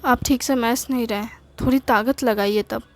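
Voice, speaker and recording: A woman voicing a scolding, sharp-tongued older wife. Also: fairly high pitch, fairly even intonation, normal speed, close to an everyday voice. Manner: scolding, curt. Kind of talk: storytelling with acted dialogue.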